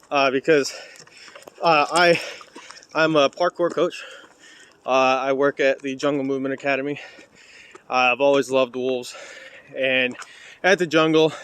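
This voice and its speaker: A man talks into his phone camera as he hikes an outdoor trail with a heavy sandbag, and his voice comes through as a casual phone video. He chats loosely, with filler words and restarts. His voice sits at an ordinary middle pitch, over faint outdoor ambience. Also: a bit bright, a little hiss or hum. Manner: chatty, rambling, lots of "uh"s while walking. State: walking on a trail while carrying a heavy sandbag. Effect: recorded on a phone video outdoors. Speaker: vlogger and parkour coach. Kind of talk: casual talking-to-camera vlog. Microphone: cheap phone held while walking.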